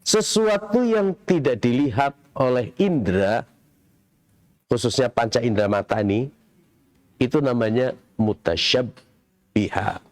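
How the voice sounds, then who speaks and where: A middle-aged man giving a Quran commentary lecture in a large mosque, explaining slowly and quizzing his audience. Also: medium pitch, expressive. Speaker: mosque preacher.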